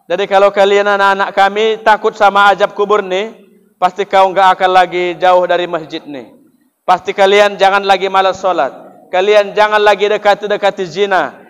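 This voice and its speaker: A man's voice: high voice, clean tone, in a large hall. A man with a North Sumatran Indonesian accent, preaching a dramatic mosque sermon to youths and acting out the voices of the dead and of angels. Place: mosque hall.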